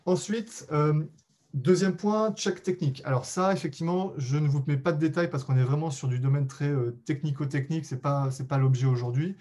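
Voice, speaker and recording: A man's voice: a little high, fairly quick, dark tone. A man presenting a live webinar, explaining patiently to his listeners with frequent hesitations and polite asides. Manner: addresses listeners directly and politely.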